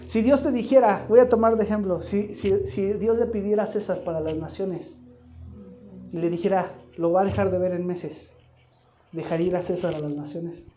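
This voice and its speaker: A man's voice: high-pitched, fairly even intonation, moderate pace, mellow, faint music behind. A man preaching a live sermon to a congregation, emphatic and throwing repeated questions at the room. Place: church hall, live congregation.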